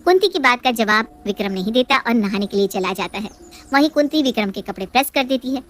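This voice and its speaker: A high-voiced woman tells a family story in a calm, steady way, like reading a storybook aloud. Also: quick pace. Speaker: narrator. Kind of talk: storybook narration.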